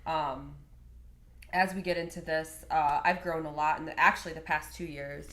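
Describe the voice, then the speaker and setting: A woman's voice: low-pitched, steady tone, moderate pace, a bit bright. A woman from Michigan hosting a casual podcast chat, her nose stuffy and nasal from a sinus infection, talking with lots of ums. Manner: chatty, many ums. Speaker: podcast host. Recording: echoey room, faint noise.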